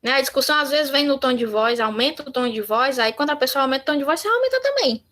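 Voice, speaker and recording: A woman's voice: high-pitched, fast, fairly bright tone. A woman with a Brazilian Portuguese accent teaching a communication workshop in a conversational way, acting out short sample dialogues. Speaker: workshop instructor. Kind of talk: online workshop talk.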